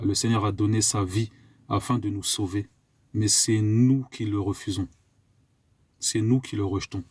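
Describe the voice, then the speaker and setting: Preaching live online, this man from France keeps pressing his audience with the same rhetorical questions, occasionally coughing as he urges them on. He speaks in a fairly low, somewhat mellow voice, and the recording has no echo.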